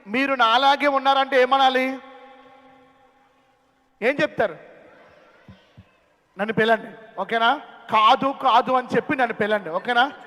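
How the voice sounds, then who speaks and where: A man hosting a children's camp skit, calling out questions to the young audience in a playful, animated way. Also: extremely high pitch. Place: large hall at a children's camp. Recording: long hall reverb.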